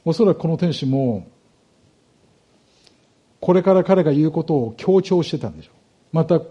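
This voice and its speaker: Husky, dark-voiced man preaching. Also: fairly high pitch, animated, highs cut off. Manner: explanatory, measured, with rhetorical questions to the congregation. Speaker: pastor. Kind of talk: sermon, Bible exposition.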